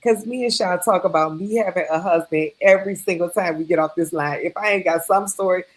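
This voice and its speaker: A woman co-hosting a casual talk show, telling animated stories and slipping into voices. Her family roots are in New Orleans. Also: on the low side, fairly quick, rough recording. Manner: animated storyteller, slips into voices. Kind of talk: casual chat.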